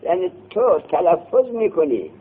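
A man teaching a grammar class, quizzing his students with quick questions, answering them himself and scolding them to put things away and listen. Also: sits high, sing-song. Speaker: seminary teacher. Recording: tinny phone-like lo-fi recording.

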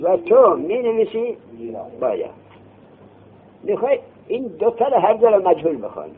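A man teaching a grammar class, quizzing his students with quick questions, answering them himself and scolding them to put things away and listen. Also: high-pitched, very animated, slightly rough. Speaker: seminary teacher. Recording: tinny phone-like lo-fi recording.

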